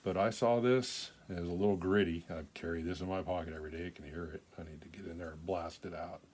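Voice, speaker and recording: A man's voice: low-pitched, fairly even intonation, fast talker, darkish tone. An older man giving a casual show-and-tell of his collection, talking in a plain-spoken, folksy, rambling way. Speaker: knife collector presenting his pocketknives.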